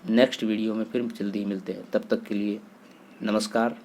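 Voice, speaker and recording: A man's voice: on the low side, level tone, a little fast, a little mellow, slight background noise. A man teaching a grammar lesson for exam students, steadily listing word pairs and asking and answering his own questions.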